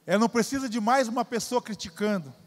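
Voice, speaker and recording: A man's voice: very high voice, quick pace, long reverb tail. A Brazilian man preaching a sermon, emphatic and repetitive, calling the congregation "dear". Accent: Brazilian Portuguese. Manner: emphatic, repeats phrases, addresses crowd as "querido". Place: church.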